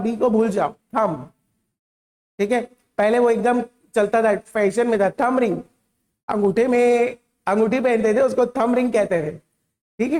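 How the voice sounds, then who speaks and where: Female teacher, Hindi accent, a bit high-pitched, patient classroom delivery that repeats and checks in. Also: darkish tone. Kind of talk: classroom lesson.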